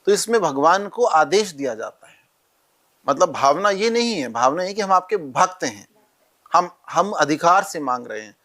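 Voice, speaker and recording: A man's voice: on the high side, lively intonation, moderate pace, fairly bright tone. A male astrologer guest in a podcast interview, instructively listing remedies step by step.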